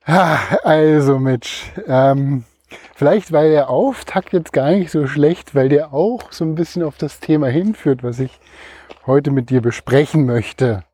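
Middle-aged man, husky, mellow, dry sound, halting casual storytelling while running. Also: a little high, dry recording. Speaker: podcast co-host. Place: outdoors, on the move.

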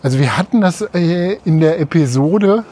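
A man's voice: fairly high pitch, lively intonation, moderate pace, dark tone. A man co-hosting a casual podcast, talking as he walks along outdoors. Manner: talking while on the move outdoors. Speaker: podcast co-host. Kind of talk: casual podcast chat while walking. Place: outdoors on a city route beside railway tracks. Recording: outdoor ambient noise, passing vehicles.

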